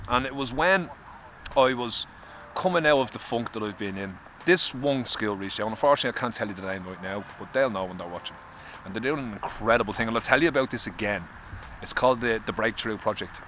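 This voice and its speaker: Irish male vlogger, bright forceful tone, open and confessional, casual swearing, faint traffic behind. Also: fairly low pitch. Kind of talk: candid personal vlog. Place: outdoors in the cold.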